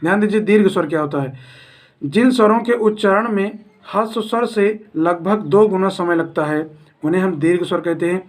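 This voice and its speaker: A man teaching a grammar lesson, who poses questions to his students and answers them himself, repeating each definition slowly. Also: high-pitched.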